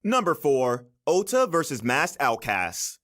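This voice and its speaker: A man's voice: fairly high pitch, huge pitch swings, unhurried, heavy background noise. A man reading scripted narration for a countdown video, presenting each entry as the narrator.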